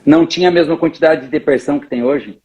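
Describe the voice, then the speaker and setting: Husky, high-voiced man from Brazil. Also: quick pace, warm tone, highs cut off. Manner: emphatic, tells stories, often addresses the other speaker by name. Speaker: interviewee speaking on emotions. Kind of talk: animated conversational explanation.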